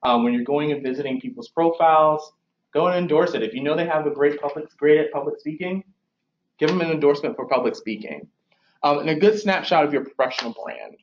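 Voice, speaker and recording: A man's voice: a little high, animated, a little fast, reverberant, slight background noise. A young man giving an informal instructional presentation as a career advisor, speaking with braces in his mouth, conversational and often rephrasing himself. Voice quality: speech slightly impeded by braces. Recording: dull, lo-fi recording.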